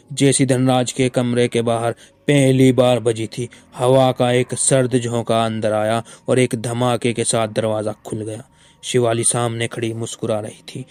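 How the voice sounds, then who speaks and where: A man narrating a horror story in a steady, scripted storytelling manner. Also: mid-range voice, clear, resonant tone, no echo.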